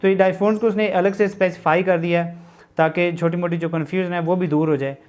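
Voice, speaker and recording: A man teaching a shorthand lesson, patiently explaining and restating points for students, and reading definitions aloud slowly and deliberately. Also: high voice, steady tone, darkish tone. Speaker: shorthand instructor.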